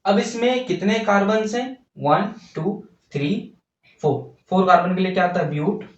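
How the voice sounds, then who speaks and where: This is a chemistry lesson in which a male teacher writes on the board unhurriedly, questioning the class and then answering himself in a high voice. The audio is dull and lo-fi, with him heard at a distance in a roomy, echoey space.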